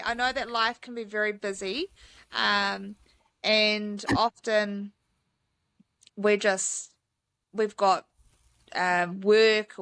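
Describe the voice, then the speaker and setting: A woman talks as a guest on a podcast, enthusiastic and chatty, full of "um"s. Her voice is bright and clear, and the sound is dry and close. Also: medium pitch, no echo. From New Zealand. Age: 30s. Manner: enthusiastic, chatty, many fillers. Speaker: mountain guide, podcast guest. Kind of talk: casual interview chat.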